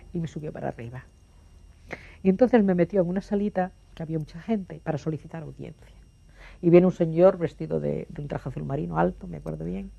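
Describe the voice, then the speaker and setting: A woman's voice: low-pitched, vocal fry, warm tone, dull audio. An older woman from Galicia recalling her past as a documentary witness, vividly acting out the voices in her memories. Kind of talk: personal recollection.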